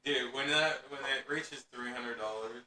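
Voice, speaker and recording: A man's voice: mid-range voice, measured pace, bright, forceful tone, far from the mic. A man in his twenties in casual podcast chat, laid-back, swearing and using lots of fillers. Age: 20s. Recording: roomy echo from off mic.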